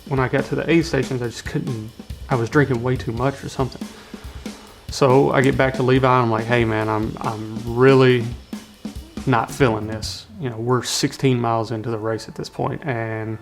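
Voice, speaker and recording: A man telling, in a documentary interview, how he struggled through an ultramarathon, earnest and halting with many restarts. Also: mid-range voice. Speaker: ultramarathon runner telling his story.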